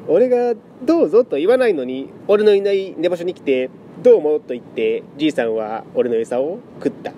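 A man's voice: a little high, lively intonation, a little fast, few pauses, a little hiss or hum, natural voice. A man voicing a sly male cat who teases and speaks in riddles. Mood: accusing. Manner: loud, teasing, riddling.

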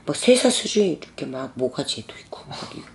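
무속인인 중년 여성이 캐주얼하게 경험담을 들려주며 대사를 흉내 낸다. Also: female voice, low voice, quick pace, vocal fry. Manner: lively retelling with acted quotes. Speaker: shaman storyteller. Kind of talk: casual storytelling.

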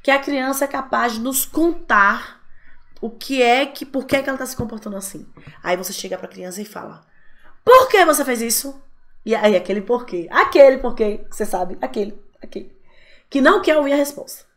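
A woman in her thirties from Brazil giving a lively live talk on parenting, acting out the voices of parents as she speaks. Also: on the high side, fairly quick. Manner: expressive, acts out parents' voices.

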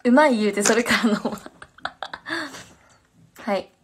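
A young woman with a Fukuoka Japanese accent chats casually and slangily on a phone livestream, answering viewer comments. Her voice is medium-pitched and slow, with slight background noise.

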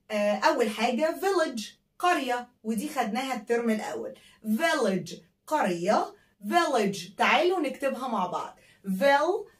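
A high-pitched woman with an Egyptian Arabic accent leads a children's vocabulary lesson, spelling each word and repeating it so pupils can echo her. Her voice sits a little off the mic, and the room around her is echoey. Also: recorded from a distance. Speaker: English teacher.

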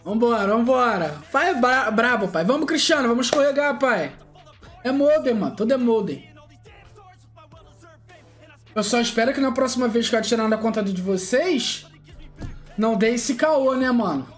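A man's voice: very high-pitched, expressive, moderate pace, pauses often, faint music behind. A man commentating his gacha pulls, boastful and taunting, drawing out chanted catchphrases. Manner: shouts and laughs loudly at lucky pulls. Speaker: gaming streamer. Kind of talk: excited gacha-pull commentary.

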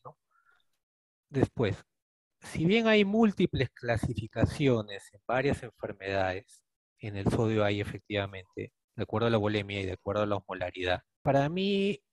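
A man's voice: medium pitch, no echo. A man with a Peruvian Spanish accent leading a clinical case discussion, reasoning step by step and often checking in with students. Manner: explains step by step, often asks students questions with a rhetorical "¿no?". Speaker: attending physician teaching a case discussion. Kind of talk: clinical teaching, thinking aloud.

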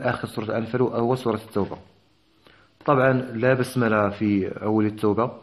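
A man teaching Quran recitation rules, explaining each point briskly with short filler pauses and occasional throat-clearing. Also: fairly low pitch. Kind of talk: tajweed lesson explanation.

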